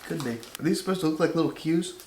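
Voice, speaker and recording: A man as a guest in a casual snack taste test, dry and teasing in a deadpan way. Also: fairly high pitch, quick pace, reverberant, a little hiss or hum, rough recording.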